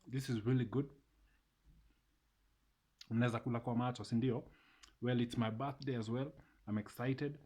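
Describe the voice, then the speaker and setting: A man, talking casually and warmly to viewers in a motivational vlog, repeating phrases for emphasis. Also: mid-range voice, fairly even intonation, normal speed, pauses often, slightly rough. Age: 30s. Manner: repeats phrases, mixes in Swahili. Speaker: vlogger.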